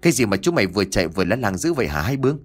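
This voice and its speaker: A male narrator voicing a calm, good-natured older man who soothes a frightened neighbor. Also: lowish voice, rapid-fire, husky, soft background music. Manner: easygoing, chuckling calm.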